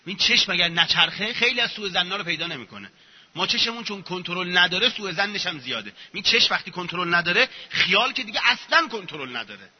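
A man's voice: sits high, big pitch swings, breathy edge. A man giving an informal religious lecture, sarcastic and acting out mocking examples as he talks. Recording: muffled echoey hall recording.

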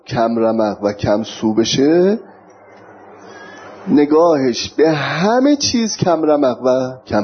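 A man's voice: mid-range voice, husky. A middle-aged man giving a sermon as a religious teacher, lecturing and reciting verses in between. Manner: lecturing, recites verses in Arabic, jokes with audience. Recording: dull lo-fi recording with faint noise.

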